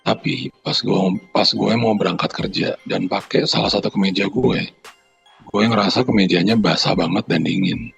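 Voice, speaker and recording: A man with a deep, rough, gravelly voice reads a listener's horror story on a podcast. His tone is husky and grainy, with faint music playing underneath. He jokes in loose slang between the passages. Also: steady tone, moderate pace. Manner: banters in slang, then reads steadily with sound effects. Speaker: podcast co-host reading listener horror stories. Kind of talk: casual chat and reading a horror story aloud.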